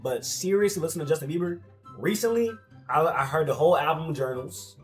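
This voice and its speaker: A young American man giving casual, slangy reaction commentary in an animated, argumentative, repetitive way. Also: fairly high pitch, brisk, soft background music. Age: young adult. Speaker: commentator reacting to social media posts.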